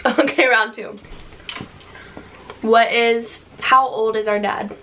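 A young woman chats casually in a fairly high voice, teasing and bossing as she goes. She takes her time with the words. Some background noise sits behind her on the camera mic. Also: steady tone, takes it slowly, a bit bright, rough recording. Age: young adult. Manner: bossy, teasing. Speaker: host of challenge video. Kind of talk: casual sibling banter. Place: indoors, small room.

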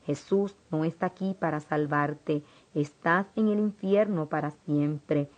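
A woman reading aloud the lines of a mocking male demon jailer with a chain, in her own low voice, on a dull lo-fi recording. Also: measured pace. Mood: taunting. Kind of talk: scripted book reading.

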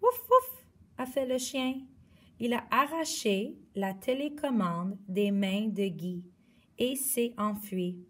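A woman reading a children's picture book aloud slowly and expressively. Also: mid-range voice, recorded from a distance. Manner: slow, clear, expressive read-aloud. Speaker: storyteller.

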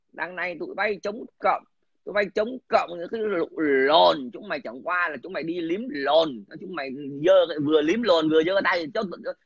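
A man swears his way through a scornful, aggressive rant. His voice sits high and sounds sharp and tense. The recording is dull and lo-fi, with a dry, close sound. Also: no room sound. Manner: crude, aggressive, swearing, addresses listener scornfully. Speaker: political commentator. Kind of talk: casual profane rant.

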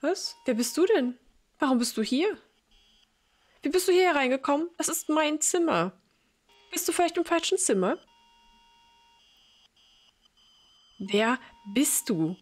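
A sweet, forgetful old mother with a lifted, wavering voice, as a woman puts her on. She dotes and rambles softly in the manner of a storybook granny, her tone climbing high and thin. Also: animated, a little slow. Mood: confused. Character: confused elderly mother, gentle then frightened.

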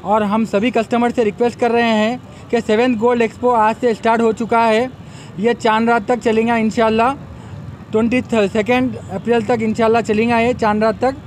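A man's voice: very high voice, little pitch movement, normal speed, a little hiss or hum. A young man, an event organizer giving a promotional press statement into a bank of microphones at an outdoor expo, repeatedly urging customers to come. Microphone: bank of press microphones on a table.

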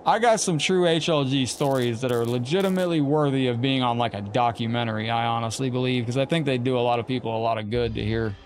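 A man live-streaming a game, chatting casually with viewers and his cat and getting excited during an unboxing. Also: mid-range voice, fast talker, hardly any pauses.

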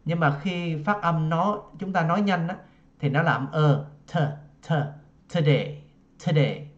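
A man teaching a vocabulary lesson, a native Vietnamese speaker who pronounces each word slowly and carefully and repeats it. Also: fairly high pitch. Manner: slow, careful pronunciation drills with repetitions. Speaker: language teacher. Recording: dull lo-fi recording.

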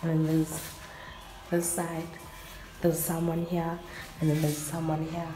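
A young woman from South Africa with a husky morning voice, chatting casually as she gives a room tour. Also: low voice, completely flat delivery, measured pace, over music. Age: young adult. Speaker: YouTuber. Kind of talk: casual vlog.

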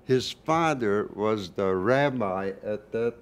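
An older man from Hungary, adding details from the audience in a halting way. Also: lowish voice, animated, crowd noise. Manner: slow, halting, with fillers. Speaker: audience member. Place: library meeting room. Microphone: far camera.

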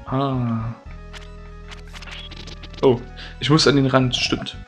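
A man giving gameplay commentary, eagerly urging the game on with quick repeated calls. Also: mid-range voice, flat delivery. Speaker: let's play gamer. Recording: loud game music behind.

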